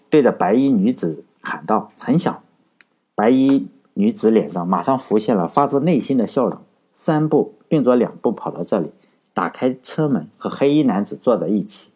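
Male storyteller, husky, low, matter-of-fact. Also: mellow. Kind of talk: story narration.

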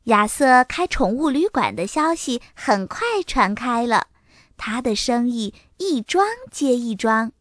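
A woman reading a children's story aloud in an expressive storytelling manner. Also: on the high side, a little slow, dry recording, clean studio sound.

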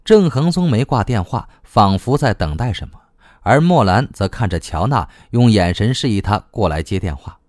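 A man narrating an audiobook story in an expressive reading style. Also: fairly low pitch, normal speed, no room sound, clean studio sound.

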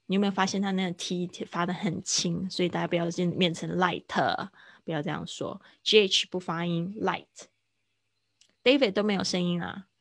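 Gravelly low-voiced woman teaching English words. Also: no echo. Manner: explains slowly, repeats words for drill. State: hiccuping. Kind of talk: livestreamed vocabulary lesson.

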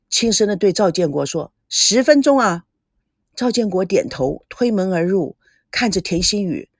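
A woman narrating a story in an emotive reading style, with a husky, breathy voice. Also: medium pitch, darkish tone, no room sound, studio quality.

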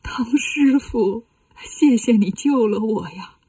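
A woman's voice: on the high side, expressive, dark tone, husky, no room sound, far from the mic. A woman doing a weak, tearful revived king. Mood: grateful. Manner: slow, tearful.

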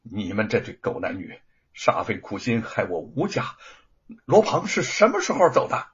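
A man's voice: on the low side, huge pitch swings, moderate pace, a bit bright, husky, lo-fi sound, voice pushed down, exaggerated voice. A man voicing an angry, righteous elder sister in a told story, accusing and stuttering with rage. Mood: furious. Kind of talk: storybook character voice.

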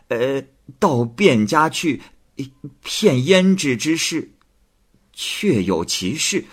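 A man's voice: a little high, big pitch swings, extremely slow, husky, pitched above the performer's own voice, full character voice. A man voicing a nervous young man who stammers and hesitates under interrogation, in a storytelling reading.

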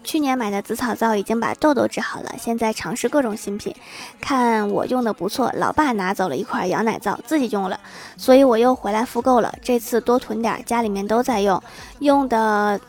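A woman's voice: on the high side, brisk, a little mellow. A woman hosting a casual podcast, reading out listener messages in a cheerful way and laughing often as she chats. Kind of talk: casual chat.

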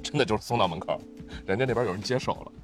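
A young man, a podcast guest telling a story in casual chat, animated and laughing often. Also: on the low side, rapid-fire, faint music behind. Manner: animated, acts out quoted voices, laughs often.

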